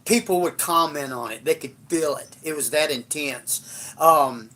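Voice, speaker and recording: A man's voice: a little high, a little slow, sharp tone. An older man, telling a rambling, blunt and profane story in a casual livestream. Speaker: livestream host.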